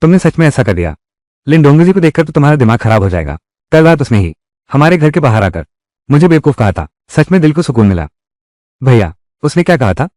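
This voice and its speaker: A man's voice: mid-range voice, big pitch swings, brisk, a little mellow, no echo, clean studio sound. A man dubbing a family drama, voicing every role himself in a dramatic manner. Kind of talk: Hindi-dubbed drama, one voice for all roles.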